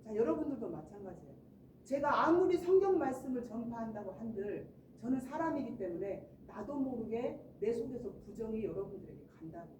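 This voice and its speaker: A woman's voice: a little high, lively intonation, brisk, darkish tone. A woman preaching a sermon as the pastor's wife, asking her listeners questions and acting out little everyday scenes. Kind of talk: sermon to a congregation. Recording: roomy echo, distant mic, noisy background.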